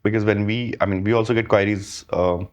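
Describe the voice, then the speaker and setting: Low-voiced Indian-accented man chatting informally. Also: steady tone, brisk. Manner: informal, rambling, mixes in Hindi words. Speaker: photographer and interviewer. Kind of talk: casual conversation.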